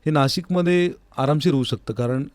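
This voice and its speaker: A man from Maharashtra, India, a classical vocalist appearing as an interview guest, speaks in a voice that's a little high and fairly quick. He answers with earnest, conversational replies and repeats words for emphasis, recorded dry in a studio.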